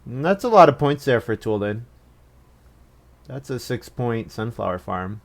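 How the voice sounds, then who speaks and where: A man's voice: medium pitch, big pitch swings, measured pace, creaky. A man thinking aloud as he plays a board game, casual and self-mocking. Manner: thinking aloud, self-mocking, chuckles at his own moves. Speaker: board game player narrating his turns. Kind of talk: casual play commentary.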